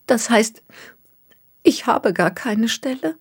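A woman's voice: medium pitch, normal speed, a little mellow, voice pushed up, lightly acted. Woman voicing a distraught young woman near tears. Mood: tearful. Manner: pleading, close to tears. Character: young woman, distraught, stranded by a cruel hoax.

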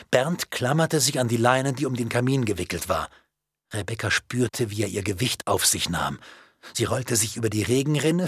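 A man reading a thriller novel aloud as an audiobook narrator, with tense dramatic delivery that drops to hushed tones. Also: medium pitch, breathy edge, no room sound, clean studio sound.

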